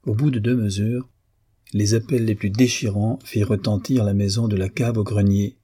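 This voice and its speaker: A man reading a story aloud in measured, expressive narration. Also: fairly low pitch, breathy edge, no echo, studio quality. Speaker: audiobook reader. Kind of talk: scripted narration.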